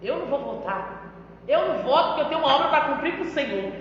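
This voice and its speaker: A woman's voice: high-pitched, animated, fast talker, a little hiss or hum. A woman missionary with a Brazilian accent giving an emphatic testimony in a church, often turning to address the pastor. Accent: Brazilian Portuguese. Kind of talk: testimony preaching. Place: church hall. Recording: echoey church hall, dull sound.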